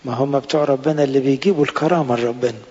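A man's voice: mid-range voice, fairly even intonation, rapid-fire, darkish tone, slightly rough. A man preaching a sermon with an Egyptian Arabic accent, earnest, pressing his listeners with rhetorical questions. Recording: reverberant hall, dull lo-fi sound.

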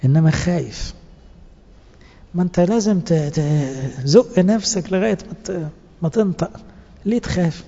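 A man's voice: high voice, moderate pace, gravelly, pauses often, warm tone, slightly rough. A man with an Egyptian accent preaching to church servants, earnest and exhorting, full of rhetorical questions. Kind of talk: sermon. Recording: dull lo-fi recording in a reverberant hall.

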